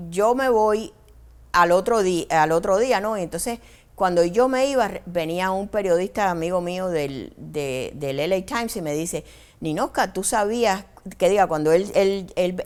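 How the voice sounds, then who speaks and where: A Cuban woman tells her memories with feeling. She acts out what others said in lively bursts. She stumbles and restarts often. Her pitch sits in a middle range. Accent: Cuban Spanish. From Cuba. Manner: animated, acts out quoted dialogue; frequent restarts and hesitations. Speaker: interview guest, journalist. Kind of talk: emotional personal storytelling.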